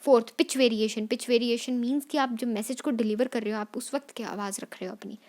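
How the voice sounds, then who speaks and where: Casting: woman teacher, a touch high-pitched, revising exam answers, mixing Hindi and English, repeating key points. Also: steady tone, darkish tone. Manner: dictates English definitions slowly.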